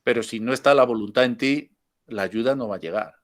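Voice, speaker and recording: An older man, teaching a spiritual class in a chatty, informal way. He tells jokes, laughs easily and drifts into asides. His pitch sits in an ordinary middle range. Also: brisk.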